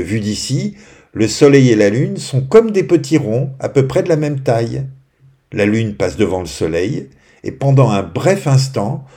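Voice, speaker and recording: A man narrating a children's bedtime story in a gentle, expressive way, dropping to a hush at quiet moments. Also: medium pitch.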